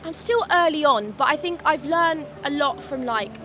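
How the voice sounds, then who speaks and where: A woman's voice: sits high, animated, normal speed, background noise. A woman in her early twenties, answering a street interview with many hesitant fillers. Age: young adult.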